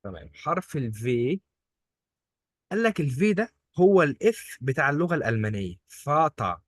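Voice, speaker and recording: A man's voice: fairly high pitch, very animated, brisk, dry recording, clean studio sound. A man with an Egyptian Arabic accent, teaching German pronunciation one-on-one, patiently repeating each word for his student. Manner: patient, drills words by repeating them.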